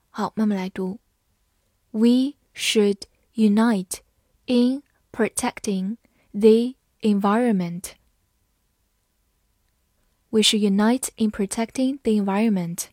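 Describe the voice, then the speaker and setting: A woman teaching English vocabulary in a scripted lesson. She spells words letter by letter and reads the example sentences slowly. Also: medium pitch, a little mellow, dry recording, studio quality.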